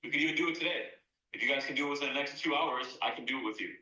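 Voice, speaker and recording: A man's voice: medium pitch, rapid-fire, bright, forceful tone, dull audio. A man from Afghanistan co-hosting a livestream, upbeat and eager with lots of fillers. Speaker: co-host and program recruiter. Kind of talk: casual livestream chat. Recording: echoey room, off-mic.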